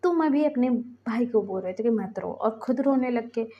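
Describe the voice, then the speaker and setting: A woman reading the lines of a kind older aunt who gently comforts a young man, in a fan fiction reading. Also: on the high side, lively intonation, normal speed, dull audio. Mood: comforting.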